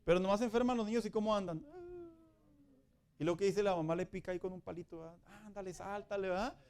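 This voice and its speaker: A middle-aged man, preaching a Sunday school sermon in a lively, joking way. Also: high-pitched, fast talker, smooth. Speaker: pastor.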